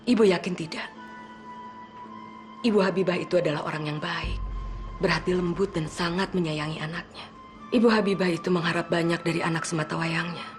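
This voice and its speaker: Brief: gossipy, scolding middle-aged aunt with a lowish voice, played by a woman. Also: lightly acted. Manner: brisk, scolding then gossipy. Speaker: aunt figure.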